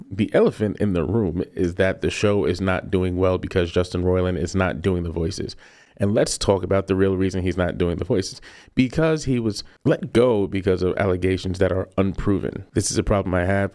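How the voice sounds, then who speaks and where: A man's voice: sits low, darkish tone. A man in his thirties hosting an opinion show, ranting emphatically and repeating himself for effect. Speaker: commentary host. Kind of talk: casual opinion rant.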